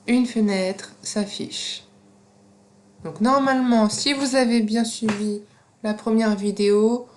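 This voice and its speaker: A woman with a non-native French accent walks students through a software tutorial at a slow, unhurried pace. She pauses often with fillers as she explains each step, recorded on a computer mic with faint background noise. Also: medium pitch. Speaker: teacher.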